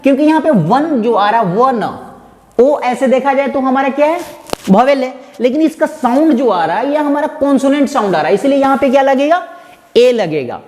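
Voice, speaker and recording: A man's voice: very high voice, lively intonation, normal speed, a little mellow. A man teaching English grammar, asking his listeners questions and answering them himself while calling them "my dear friend". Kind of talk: explanatory classroom lesson. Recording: echoey hall with faint noise.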